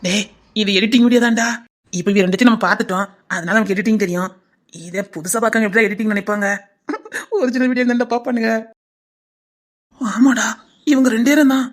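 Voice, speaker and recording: In a comic sketch, a woman with a Tirunelveli Tamil accent chatters nosily and teases like a bus passenger who loves gossip. Her slightly high voice keeps a fairly even intonation and a quick pace, though she pauses often. She is a sketch comedian.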